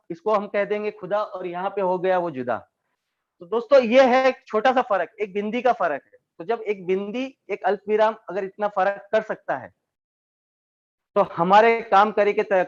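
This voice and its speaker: A man with a high voice leads a training session over a video call and explains each point patiently, turning to his listeners as friends again and again. The audio sounds dull and lo-fi. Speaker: network marketing trainer. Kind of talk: online training talk.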